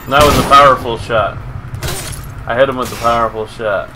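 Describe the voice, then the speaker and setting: Speaking a little fast at a medium pitch with fairly even intonation, a middle-aged man streams live, chatting casually as he plays a video game. He sits at a gaming setup in an indoor room with a close mic. Vehicle noises and gunfire from the game make the recording noisy.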